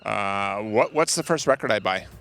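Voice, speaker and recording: A man's voice: lowish voice, expressive, normal speed, music in the background. Playful male interviewer. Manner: playful, joking questions. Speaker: interviewer, host. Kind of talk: casual interview.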